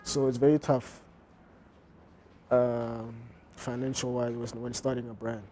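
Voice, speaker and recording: Guy in an interview, mellow voice, lots of uhs and restarts. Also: medium pitch, little pitch movement, a little slow, soft background music. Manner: hesitant, many fillers and restarts. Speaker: fashion designer, interview guest. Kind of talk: casual interview answers.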